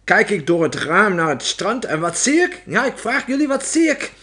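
A man's voice: high voice, very animated, normal speed, bright, forceful tone, voice pushed up, heavily acted. A man reading aloud and voicing a shrieking, sadistic female head witch from a storybook. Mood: ranting. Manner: screeching, spitting insults.

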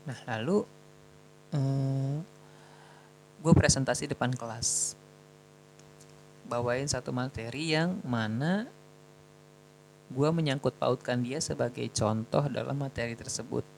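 A young man tells a story from his own life in a loose, chatty way, full of slang and jokes at his own expense. His low, gravelly voice stays at an ordinary middle pitch, and a faint hiss sits under the recording. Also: takes it slowly, pauses often, darkish tone, poor audio. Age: young adult. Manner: chatty, slangy, self-mocking. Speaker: student telling a personal story. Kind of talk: casual storytelling.

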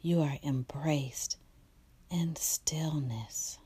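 Very slow, soft-spoken meditation guide woman. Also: deep voice, breathy edge. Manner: soft, slow, partly whispered delivery.

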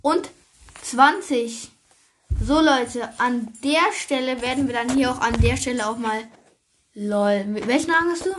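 A young woman hosting a gaming video, chatting casually with slang and excited gasps while she plays. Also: on the high side, a little slow, background noise.

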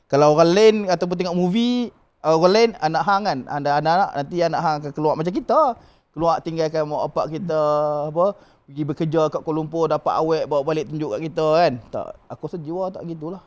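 A man's voice: a little high, fast talker, darkish tone. A man, chatting casually as a guest father on a podcast and laughing through his stories. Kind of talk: casual chat.

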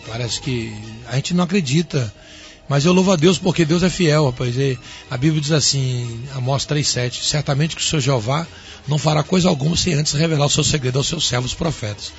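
A man with a Brazilian Portuguese accent, a pastor giving a folksy, preachy testimony in a radio interview. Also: mid-range voice. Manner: folksy, preachy, addresses listener as "rapaz". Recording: dull radio broadcast, faint music.

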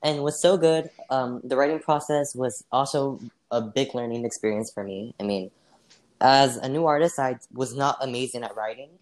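Someone at a medium pitch and normal speed answers as an interview guest playing a singer in a casual role-play. They hesitate a lot, lean on fillers, and laugh when they make mistakes.

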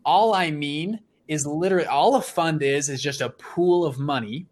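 A man's voice: fairly high pitch, moderate pace. A young man in his twenties, an interview guest, telling his story with energy and enthusiasm. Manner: energetic, enthusiastic, with frequent restarts.

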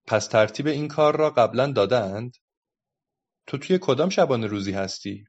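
A man's voice: mid-range voice, lively intonation. A man voicing a patient, patronizing adult policeman who lectures a child, in a dull lo-fi recording. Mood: lecturing.

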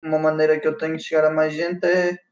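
A man's voice: a little high, monotone, quick pace, slight background noise. Young Portuguese man in a roomy recording. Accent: European Portuguese. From northern Portugal. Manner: informal, slangy, with English words mixed in. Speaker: rapper being interviewed. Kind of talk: casual slangy chat. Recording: roomy, slightly dull lo-fi sound.

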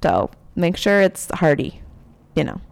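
An American woman with a standard American accent and a slightly low voice. She talks casually as a podcast co-host, dry and teasing in her delivery. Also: sing-song, measured pace, creaky, a little mellow.

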